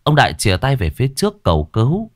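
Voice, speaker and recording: A man's voice: mid-range voice, huge pitch swings, fast, a little mellow, no room sound, clean studio sound. A man narrating a ghost story in a dramatic storytelling manner.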